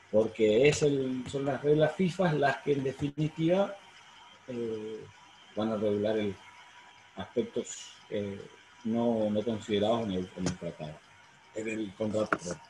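Argentine law professor, roomy sound. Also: male voice, mid-range voice, a little mellow. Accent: Argentine Spanish. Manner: explanatory, frequent fillers and self-corrections. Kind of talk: online university lecture. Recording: roomy sound, faint noise.

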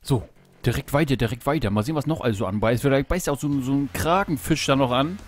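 A man casually commenting on his gameplay while fishing, talking to himself, greeting animals in the game, and yelping excitedly at each catch. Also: mid-range voice, fast. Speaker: Let's Play host. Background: background game music.

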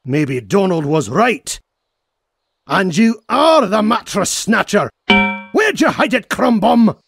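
A cantankerous old male cartoon duck, a miser who scolds everyone. The voice swings wildly in pitch, with drawn-out, bossy delivery and a dry, close sound. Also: sing-song, no echo, soft background music, heavily acted. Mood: accusing. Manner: gruff, scolding, insulting. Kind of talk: amateur comic dub acting.

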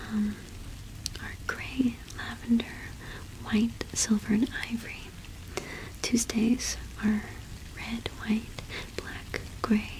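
Through a rough recording, a young adult woman can be heard whispering softly and breathily at close range to the mic. Her voice is medium-pitched, and she plays a cottage witch shopkeeper in a gentle, halting ASMR roleplay.

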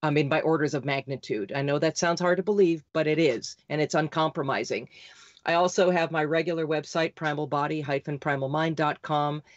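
A woman being interviewed as a podcast guest, talking quickly and insistently, like an auctioneer. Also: deep voice, dry recording, dull audio. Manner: insistent, rapid, talks like an auctioneer. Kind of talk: fast, emphatic interview talk.

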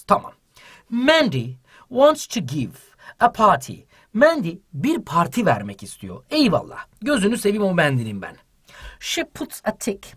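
A man teaching English to children in an online lesson, reading English lines and translating each into Turkish with lively energy. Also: high voice, husky.

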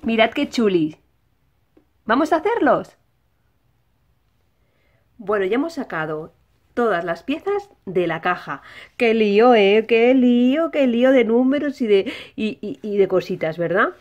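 A woman's voice: a little high, very animated, unhurried, long pauses, darkish tone, muffled recording. A woman with an accent from Spain hosting a simple children's lesson, talking as if to small children, with questions she answers herself. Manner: child-directed, asks questions and answers them. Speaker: host of a children's toy channel.

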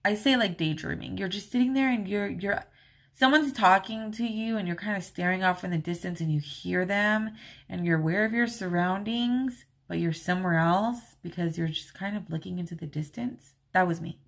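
A woman's voice: medium pitch, normal speed, gravelly. Chatty woman telling a personal story. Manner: chatty, rambling, many "like" and "um" fillers; open and emotional when recalling events. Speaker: vlog host.

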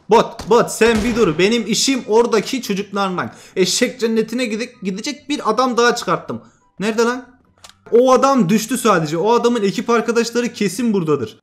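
Young male gaming host, very high voice, hyped trash-talk commentary over gameplay. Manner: excitable, trash-talking, swings from loud to muttering.

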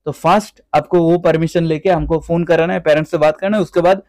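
A man's voice: fairly high pitch, steady tone, fast, a little mellow, no echo. Chatty man showing off his fish. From West Bengal, India. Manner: chatty, repeats "theek hai" often; mixes English words into Hindi. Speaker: guppy breeder and seller. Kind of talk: casual vlog walkthrough.

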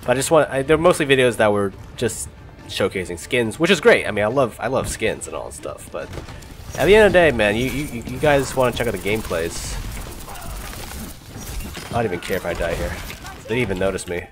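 A young man with a cold-congested voice, on the low side and fairly quick, hosts a gaming channel with lively, casual commentary on his play. He's chatty and laughs a lot, swearing at close calls. Game music and sounds play clearly underneath.

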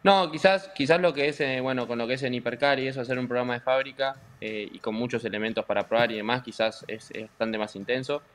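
An Argentine man of middle pitch chatting casually as an interview guest. He rambles in a loose, jokey way, padding his sentences with fillers as he goes. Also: quick pace, hardly any pauses. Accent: Argentine Spanish. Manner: relaxed, joking, rambling with many fillers. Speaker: racing driver, guest.

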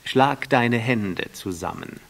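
A man's voice: mid-range voice, expressive, slow, vocal fry, pitched above the performer's own voice, exaggerated voice. A man voicing a vain, pompous man who craves admiration in an audiobook reading, drawing out his words grandly.

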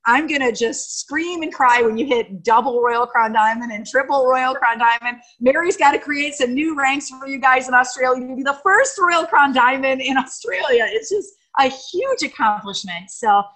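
A woman's voice: sits high, moderate pace, few pauses, a bit bright, poor audio. An American woman on a video call giving an emotional, gushing tribute to a friend, rambling with fillers. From United States. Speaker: guest speaker on video call. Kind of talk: heartfelt tribute speech.

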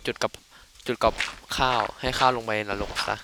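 A man's voice: normal speed, background noise. A man casually commenting on his game playthrough, joking and swearing as he goes. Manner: crude, joking, rambling. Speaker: gamer. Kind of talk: casual let's play commentary.

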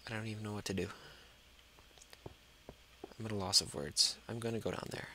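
A man's voice: lowish voice, fairly even intonation, a little fast, slight background noise. A man doing gameplay commentary, talking to himself and the monsters and dropping to a whisper when scared. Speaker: let's play host. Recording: loud mouse clicking over the voice.

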